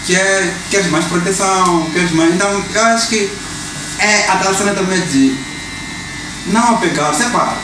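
Young Mozambican man, high voice, reflective casual talk; distant echoey barbershop sound. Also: normal speed. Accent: Mozambican Portuguese. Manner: reflective, mixes in English slang. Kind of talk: casual chat. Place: barbershop, indoors. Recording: echoey room from far off with noise.

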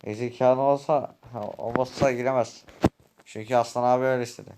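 A man's voice: medium pitch, steady tone, a little fast, background noise, close to an everyday voice. Man doing a stubborn by-the-book gate guard. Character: rule-bound male village gate guard. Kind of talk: amateur game voice acting.

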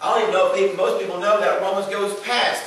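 High-voiced preacher man in echoey hall. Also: fairly even intonation, fast, far from the mic, slight background noise. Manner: preaching with Bible readings, builds to shouts. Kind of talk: sermon.

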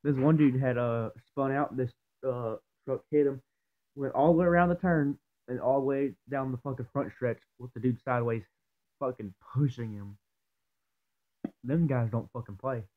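A young man with dip tucked in his lower lip, talking in a loose, profane, rambling way in a casual vlog. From Georgia, US. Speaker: vlogger. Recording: tinny phone-like audio.

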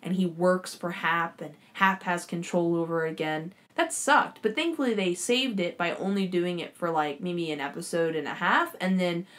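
A woman's voice: on the low side, normal speed, hardly any pauses, fairly bright tone. Enthusiastic young woman rambling through a recap. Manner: enthusiastic, rambling, swears casually. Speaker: show host reviewing a series. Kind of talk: casual recap and commentary.

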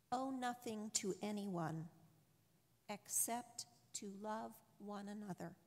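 Brief: woman lector, slow solemn scripture reading, long cathedral echo. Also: on the high side, a little mellow. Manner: measured, solemn reading aloud. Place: large church. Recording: long church reverb.

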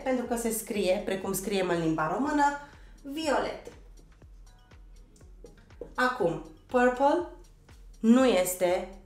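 Woman teacher from romania, spells stuff out letter by letter, drills pronunciation, echoey room on a desk mic. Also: medium pitch. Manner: checks in with the learners often. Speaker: English teacher. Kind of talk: online language lesson. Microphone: desk microphone.

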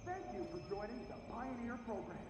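An actor playing a cheery, salesy male corporate CEO, giving an upbeat promotional pitch with breezy asides. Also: big pitch swings, a little fast, echoey room, big-room sound, noisy background. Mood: chipper. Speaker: company CEO in a game video.

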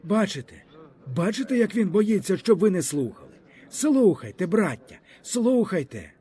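A man's voice: sits high, very animated, normal speed, mellow, voice pushed up. A man voicing a desperate peasant leader who pleads with soldiers in an anguished, urgent way.

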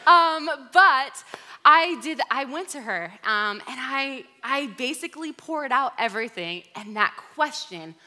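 Woman, American accent, pastor, conversational sermon, candid storytelling, bright tone, slightly high voice. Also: measured pace. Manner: candid personal storytelling, animated in retelling.

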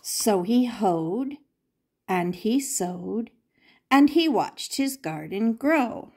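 Like a grandmother sharing a picture book with little ones, an older woman reads with emphasis and feeling, pitched fairly high. Words are drawn out, lines get repeated, and she poses questions along the way.

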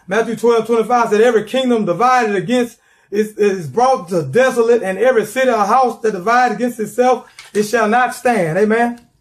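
A middle-aged man preaching a sermon from his living room, fervent and repeating words as he builds, calling for responses. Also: sits high.

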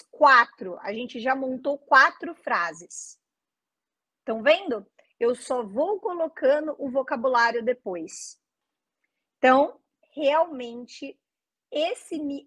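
Bright, high-voiced woman teaching English. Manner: repeats English phrases slowly, then explains them in Portuguese; addresses viewers directly with "gente" and "né". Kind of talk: online English pronunciation lesson.

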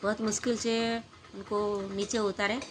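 A woman's voice: medium pitch, little pitch movement, measured pace, background noise. A woman telling a true family story in a casual, rambling way, with many fillers and restarts.

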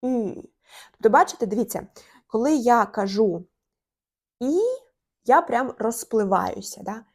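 A woman's voice: fairly high pitch, expressive. A young woman teaching an online language lesson, repeating each letter and word and drawing out the sounds. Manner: slow, drawn-out demonstration of sounds.

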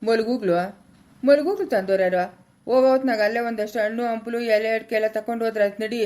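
Brief: bossy elder, acted by a woman, high brisk voice, chikkaballapura kannada. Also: fairly even intonation, darkish tone, lightly acted. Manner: bossy, hurrying others. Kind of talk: family skit acting.

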